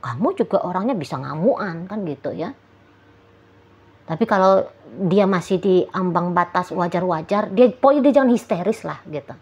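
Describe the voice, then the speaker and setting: A woman's voice: lowish voice, a little mellow, breathy edge, lo-fi sound. A woman talking straight to a single viewer about their relationship in a casual, chatty way. She keeps returning to little tag phrases and sometimes acts out what a partner might say. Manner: chatty, repeats "gitu ya", acts out quoted lines. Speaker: relationship reader addressing a viewer. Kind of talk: casual advice monologue.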